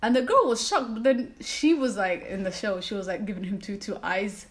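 Animated woman chatting. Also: medium pitch, normal speed. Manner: animated, slangy, acts out quotes in voices. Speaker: podcast co-host. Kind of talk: casual chat.

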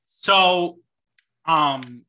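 Very bright-voiced enthusiastic man. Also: a little high, very slow, slight background noise. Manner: enthusiastic, casual, swears freely. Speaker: podcast co-host. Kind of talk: casual movie chat.

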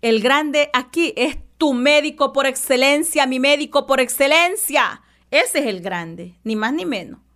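A woman's voice: high voice, expressive, measured pace, fairly bright tone. A woman preaching a devotional sermon, impassioned, repeating lines for emphasis and addressing listeners affectionately.

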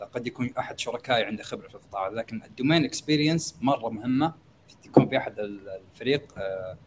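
A young man with a Gulf Arabic accent explaining conversationally as a guest expert, hesitant and pausing as he thinks aloud. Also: medium pitch, slight background noise. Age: young adult. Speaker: guest expert in startup marketing.

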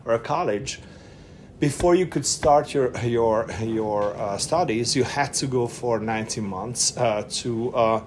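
A middle-aged Hungarian man with a Hungarian accent chats casually as an interview guest, speaking at a measured pace in a slightly mellow mid-range voice. He's hesitant, full of fillers and restarts, and laughs often. Slight background noise is audible.

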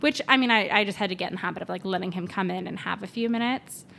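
A woman's voice: mid-range voice, quick pace, gravelly, fairly bright tone, a little hiss or hum. A woman in her thirties co-hosting a podcast, chatting casually and rambling with fillers and asides. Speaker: podcast co-host. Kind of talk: casual chat.

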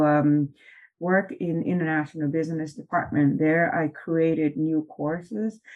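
A middle-aged woman from Vietnam, a professor and founder telling her story in an interview, speaking in a measured way with frequent pauses. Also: low-pitched, a little mellow, poor audio. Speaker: business school professor and founder, interview guest.

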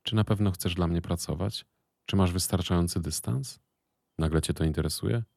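A man's voice: sits low, moderate pace, gravelly, darkish tone, no echo, clean studio sound. A man voicing a middle-aged woman who runs a business and worries about her son, speaking firmly and guardedly. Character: middle-aged woman boss, anxious protective mother.

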